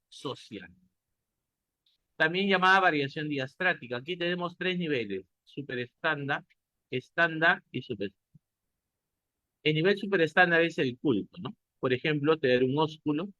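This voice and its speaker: Bright-voiced Peruvian man lecturing a class. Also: on the high side, no room sound. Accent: Peruvian Spanish. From Peru. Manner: asks the class questions and answers them himself. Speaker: teacher.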